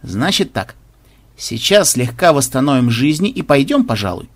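A man's voice: medium pitch, big pitch swings, normal speed. A man doing a wry male game tester. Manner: wry, dry.

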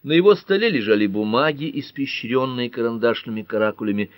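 A man reading a detective novel as an audiobook in a measured, expressive narration. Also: mid-range voice, no room sound. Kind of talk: scripted narration.

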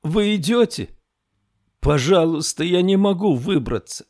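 A man's voice: expressive, measured pace, a little mellow. A man reading an audiobook, voicing a frightened lost young boy who cries for help. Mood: pleading. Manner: high pleading cries for help. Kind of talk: audiobook character voice.

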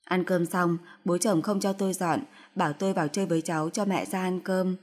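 A woman narrating a story in first person with a steady, expressive reading. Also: lowish voice, fairly quick.

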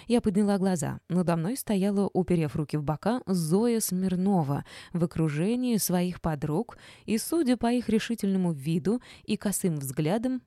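Woman narrating an audiobook, lowish voice, mellow tone, wry and measured. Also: dry recording, clean studio sound. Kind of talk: first-person novel narration.

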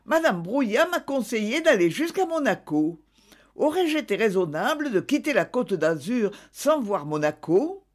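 A woman's voice: on the high side, sing-song, normal speed. A woman reading the part of an extravagant wife in a novel, theatrical and self-justifying. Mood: pleading. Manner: theatrical, pleading then commanding.

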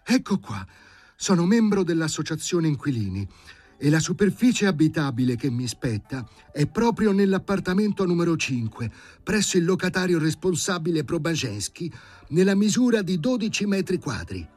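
A man's voice: on the high side, big pitch swings, normal speed, darkish tone, no echo, voice pushed up. A man voicing a crude, stubborn dog turned into a man, barking his words and spelling them out defiantly in an audiobook.

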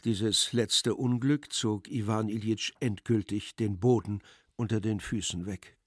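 A man narrating a classic story in a measured, expressive literary reading. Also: lowish voice, breathy edge, no echo, clean studio sound.

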